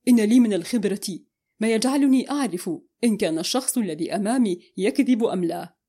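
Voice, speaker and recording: Woman reading a quiet guarded young guy, low even voice, kinda bitter, dark husky tone, audiobook. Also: fast. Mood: cool, measured.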